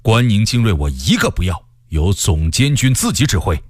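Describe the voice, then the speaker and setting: A man's voice: lowish voice, very animated, moderate pace, no room sound, clean studio sound. A man playing a stern proud commander. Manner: stern and scornful. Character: proud stubborn male army commander. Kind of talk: storytelling character voice.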